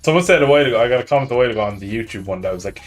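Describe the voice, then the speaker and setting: Soft music plays behind an Irish man with a medium-pitched, lively voice who races through his words. He's streaming a motorbike racing game, chatting casually, joking, rambling and poking fun at himself.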